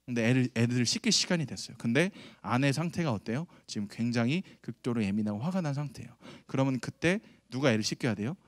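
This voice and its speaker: A man in his thirties preaching a lively sermon to middle schoolers, telling a family story and asking the audience questions. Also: mid-range voice, fast talker, hardly any pauses, no room sound. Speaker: youth pastor. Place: church sanctuary.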